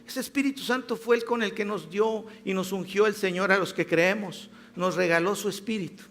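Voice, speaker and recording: Gravelly high-voiced male preacher. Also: moderate pace. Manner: lively, acts out quoted voices, repeats words for emphasis. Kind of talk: sermon. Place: church.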